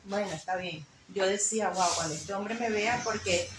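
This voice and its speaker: A woman's voice: medium pitch, normal speed, background noise. A woman sharing an emotional personal faith testimony, telling her story with many fillers. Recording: echoey room with faint ambience.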